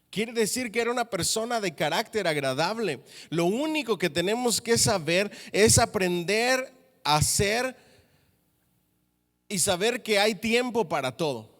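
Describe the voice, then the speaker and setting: A man's voice: fairly high pitch, big-room sound. A male pastor preaching a sermon to his congregation. He often stops to check in with them through questions. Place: church.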